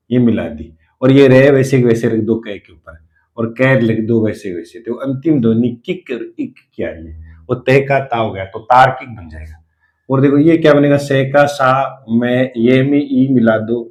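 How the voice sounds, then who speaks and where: A man's voice: mid-range voice, darkish tone, rough recording. A man teaching a spelling lesson at a board, who asks his class questions and answers them himself while he writes.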